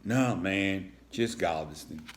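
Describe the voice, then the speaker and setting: A man's voice: low voice, slow. A man voicing a laid-back surfer turtle boy.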